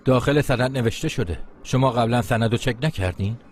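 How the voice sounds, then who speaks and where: A man dubbing a film role as a calm, matter-of-fact official explaining a property dispute. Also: medium pitch, slight background noise, natural voice. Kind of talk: dubbed film dialogue. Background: music.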